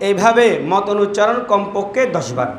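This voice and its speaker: A man with a strikingly high voice teaches a class, stretching each syllable out slowly and half singing the sounds for the students to repeat. The room is echoey, and steady noise sits behind him. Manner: slow, drawn-out syllables, sing-song recitation. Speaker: Quran teacher. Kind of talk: teaching a class, call and response.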